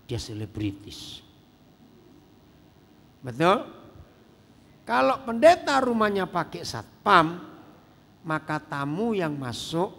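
A middle-aged male pastor preaching a sermon in a lively way, peppering the congregation with rhetorical questions. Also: on the high side, slight background noise. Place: church hall. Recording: reverberant church hall.

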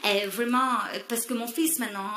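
A woman's voice: a little high, fairly even intonation, normal speed, roomy sound, noisy background, lightly acted. A woman voicing a pretentious middle-aged Creole mother from Réunion who gushes and drops English words into her French, with a Réunion Creole accent. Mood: gushing. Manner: affected, gushing, sprinkles English words. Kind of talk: stand-up character sketch.

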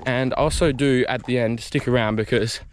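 A man's voice: medium pitch, steady tone, fairly quick, smooth. A young Australian man from South Australia, vlogging casually and jokily with lots of ums while out on bush bike trails. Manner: chatty, rambling, jokey with lots of ums. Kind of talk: casual vlog chat.

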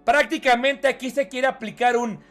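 A man's voice: very high voice, fairly even intonation, normal speed, a bit bright, soft background music. A man with a Mexican accent reading chat on a live stream and mocking it with profanity and laughter. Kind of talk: casual live-stream commentary.

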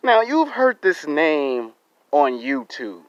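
An American man in his thirties talking deliberately to his subscribers in short, emphatic, repetitive phrases, outdoors into a close phone. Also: on the high side, very animated, dry recording. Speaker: YouTube vlogger. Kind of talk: monologue to camera for subscribers. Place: outdoors in a residential yard. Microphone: phone held close to the face. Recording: dull, lo-fi phone audio.

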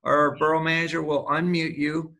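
A man, the council president, chairing a virtual meeting in a brisk, procedural way. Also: a little high, little pitch movement, bright, forceful tone.

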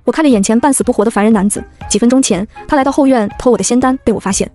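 A woman narrating a first-person web-novel story in a brisk, cool manner. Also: a little high, dark tone, faint music behind.

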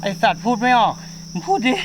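A man's voice: quick pace, noisy background. A young man hosting a casual travel vlog outdoors on a mountain trail, chatty and joking, out of breath from the climb. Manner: chatty, joking, swears with friends. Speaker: travel vlogger.

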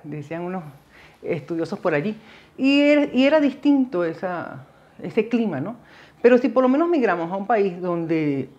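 A middle-aged Venezuelan-accented woman hosts a video about her migration experience, speaking casually and reflectively to the camera and often digressing. She addresses viewers directly from a small indoor setup with a dark backdrop. Her voice is mid-range and darkish, and the sound is lo-fi.

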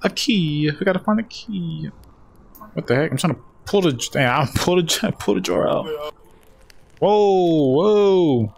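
This young gamer and video host has a high, animated voice with vocal fry, yet he takes his time. He trades casual, playful banter with friends, reacting with slang and swearing, while a little hiss or hum sits under the recording.

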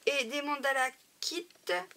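A woman with a fairly high, gravelly voice chats her way through a casual show-and-tell of craft supplies. She keeps filling gaps with "euh" and "voilà". The recording is noisy, with packets crinkling behind her. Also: unhurried. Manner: chatty, often says "euh" and "voilà". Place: home craft room.

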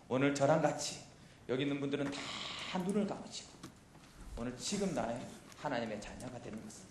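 Animated high-voiced male preacher, echoey hall. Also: a little hiss or hum. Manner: animated preaching with sweeping gestures, quizzing the audience with questions. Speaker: pastor. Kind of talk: youth sermon. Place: church hall with chalkboard, indoors. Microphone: handheld mic.

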